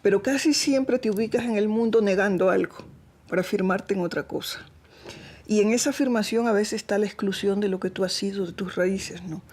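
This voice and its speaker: A woman with an Ecuadorian Spanish accent, speaking in a thoughtful, measured way in a documentary interview. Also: mid-range voice, a little mellow.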